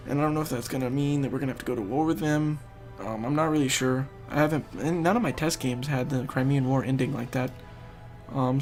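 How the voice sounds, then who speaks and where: In this casual gameplay commentary, a young male host explains his strategy game as he plays, thinking out loud. He's congested and losing his voice, which is mid-range with a darkish tone.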